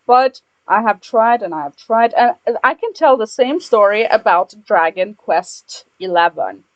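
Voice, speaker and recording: Giggly woman cohost, slow easy talk, kinda muffled lo-fi mic. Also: mid-range voice, lively intonation, dry recording. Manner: enthusiastic, giggly, unhurried. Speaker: podcast co-host and YouTuber. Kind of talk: casual chat.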